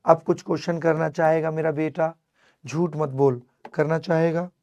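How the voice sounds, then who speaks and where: A man teaching an online chemistry class with a strained, fading voice. He speaks to his students warmly and fondly, mixing in English terms. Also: on the high side, level tone, normal speed. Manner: affectionate, calls students "my child", mixes English terms. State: losing his voice, strained throat. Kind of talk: energetic online class lecture.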